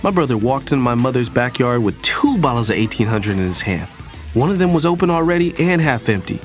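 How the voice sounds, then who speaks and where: A young adult actor narrates in first person as an idealistic younger brother in a scripted audio drama, playing both narrator and character. His ordinary male-range pitch moves with lively inflection, and his lightly acted, reflective storytelling runs a little fast over faint music.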